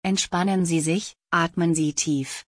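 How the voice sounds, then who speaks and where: A woman calmly reading out scripted instructions for a guided relaxation exercise. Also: on the low side, slightly rough, dry recording, clean studio sound. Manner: calm, slow, repetitive prompts.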